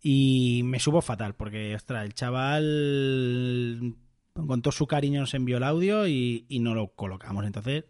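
A man's voice: medium pitch, measured pace, no echo, studio quality. A man co-hosting a podcast in casual chat, reading listener comments aloud in a jokey way. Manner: animated, jokey, reads messages aloud. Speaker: podcast co-host.

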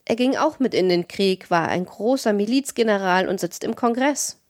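A woman reading a storybook, voicing an old villager who calmly reports news of the dead and departed. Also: medium pitch, moderate pace, no room sound, clean studio sound, close to an everyday voice. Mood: matter-of-fact. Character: old villager with a thin, whistling voice.

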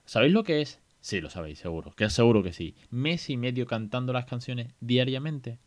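A man's voice: mid-range voice, expressive, a little fast. A man talks through a casual podcast monologue. He is colloquial and self-mocking, and he restarts his sentences often. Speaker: podcast host and parent.

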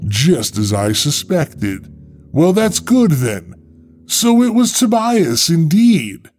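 A man's voice: on the high side, sing-song, a little mellow, faint music behind, voice pushed up. A man voicing a mischievous, purring male librarian who drawls his words theatrically and probes with sly questions. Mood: probing. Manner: theatrical, drawn-out, probing.

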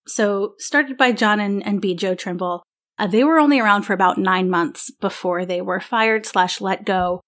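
A woman's voice: mid-range voice, normal speed, a bit bright. A woman hosting a podcast, talking through dates and facts in a casual, informative way. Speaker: podcast host.

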